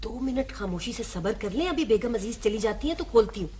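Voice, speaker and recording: An actress playing an exasperated housewife in a TV drama, sharp and impatient. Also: female voice, on the high side, lively intonation, fairly quick, husky. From Pakistan. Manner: impatient, sharp with the old man. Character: exasperated middle-aged housewife. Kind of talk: broadcast TV drama.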